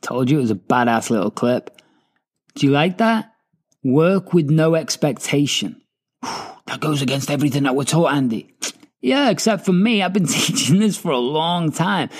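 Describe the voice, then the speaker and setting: A man's voice: on the high side, animated, moderate pace, breathy edge. A man hosting, giving emphatic motivational commentary between clips, with casual swearing. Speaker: host.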